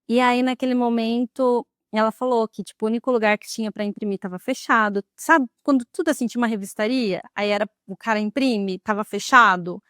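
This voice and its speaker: A woman's voice: a little high, no echo, clean studio sound. Dramatic young São woman storyteller. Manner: dramatic, emotional retelling with lively quoted speech. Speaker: vlogger. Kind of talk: casual storytelling to camera.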